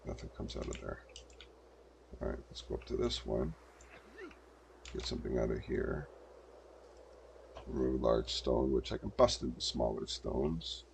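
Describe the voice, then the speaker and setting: A man's voice: a bass voice, creaky, a little hiss or hum. An older man giving casual gameplay commentary, muttering to himself as he plays at a desk mic. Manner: muttering to himself while playing. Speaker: gameplay streamer.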